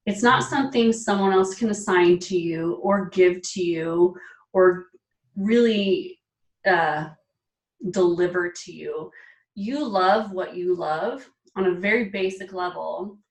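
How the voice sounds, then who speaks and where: A woman in her forties, a style expert being interviewed, talking in an animated, emphatic way and laughing often. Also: lowish voice, slow pace, reverberant, distant mic. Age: 40s. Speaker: guest, personal style expert. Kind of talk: casual interview chat.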